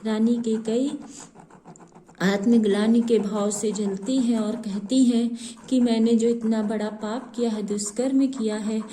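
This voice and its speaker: A woman teacher walks through a poem verse by verse. She explains each line unhurriedly in a low, warm, mellow tone and restates the meaning so it sinks in. Her pitch sits slightly high for a woman, and her pace is very slow. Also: fairly even intonation, slight background noise. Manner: reads each verse, then paraphrases it slowly and repeats the explanation.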